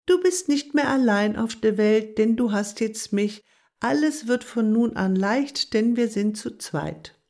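A woman voicing a dreamy, kind young female mouse in a gentle storybook reading. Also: a little high, animated, a little slow, voice pushed up. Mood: reassuring.

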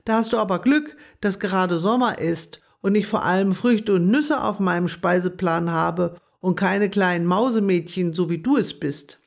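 A woman's voice: on the low side, normal speed, creaky, few pauses. Paule, a woman voicing a friendly raccoon. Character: friendly male raccoon, sleepy and easygoing.

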